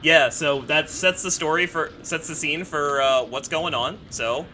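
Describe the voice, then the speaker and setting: A woman's voice: deep voice, a little slow, pushed and bright, a little hiss or hum. A woman streaming a video game, teasing her co-host and chatting casually. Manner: teasing, self-deprecating. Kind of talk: let's play commentary.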